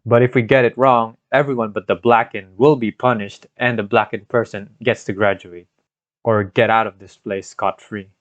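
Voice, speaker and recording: Reading from a script, a man recaps a video game story in a storytelling manner, his fairly low voice steady at a normal speed. There's no room sound, and the home microphone produces a dry, dull, lo-fi recording that's scuffed in parts.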